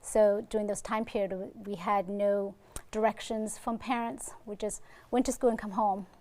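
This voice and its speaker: A woman's voice: medium pitch, steady tone, moderate pace, a little mellow. A woman in her forties from Vietnam, speaking as a guest ophthalmologist on a TV interview. She talks earnestly and with determination, dropping a filler here and there. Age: 40s. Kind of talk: TV interview answers.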